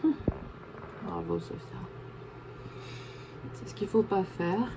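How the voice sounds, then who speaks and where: A woman's voice: medium pitch, expressive, takes it slowly, noisy background. A young woman vlogging at home, chatting casually and talking between bites of a sandwich. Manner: chatty, talks while chewing a sandwich. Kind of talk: casual chat while eating. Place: home room, backlit.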